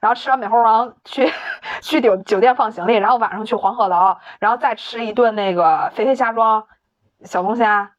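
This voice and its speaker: A woman's voice: a little high, a little fast, dull audio. A woman telling a story in casual chat, laughing often, swearing casually and acting out the dialogue. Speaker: podcast co-host.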